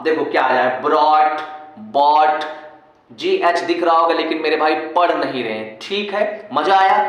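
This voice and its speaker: Guy teaching english pronunciation, kinda high voice, keeps asking if it's clear, big echo. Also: fairly bright tone. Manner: explains rules slowly, repeating and checking understanding. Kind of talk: classroom-style pronunciation lesson. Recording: very echoey room.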